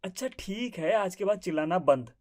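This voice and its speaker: A woman's voice: fairly low pitch, animated, moderate pace, darkish tone, lightly acted. A woman voicing a shy young husband who grumbles and tries to placate his wife. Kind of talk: family drama acting.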